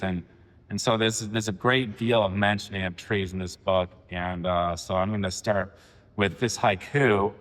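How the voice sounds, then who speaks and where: A man in his forties giving a poetry reading, with halting, filler-heavy asides between poems. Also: on the low side, a bit bright, big-room sound. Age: 40s. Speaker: poet. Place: reading venue.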